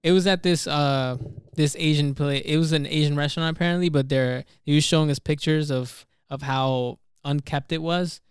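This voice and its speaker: A man's voice: fairly high pitch, steady tone, normal speed, clean tone, dry recording, clean studio sound. A young man co-hosting a podcast, telling a rambling story full of fillers and swearing. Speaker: podcast co-host. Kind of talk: casual chat.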